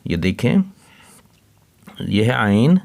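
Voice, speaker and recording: Guy teaching kids, spells every word out letter by letter, super slow and lowish voice. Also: big pitch swings, gravelly, darkish tone. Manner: spells words letter by letter, repeats each word. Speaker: Urdu teacher. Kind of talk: slow spelling lesson for children.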